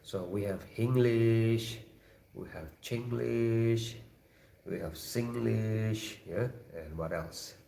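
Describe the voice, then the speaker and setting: A man with an Indonesian accent hosting a live chat room, talking casually and haltingly and often repeating short phrases. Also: fairly low pitch, creaky, warm tone. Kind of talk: casual chat, reading out chat messages. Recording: roomy echo, faint background noise.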